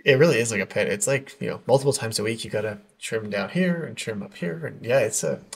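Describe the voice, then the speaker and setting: Casting: male podcast co-host, upbeat and chatty, filler-heavy, mid-pitched, on a call. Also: quick pace, gravelly, husky. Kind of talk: casual podcast chat. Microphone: remote call.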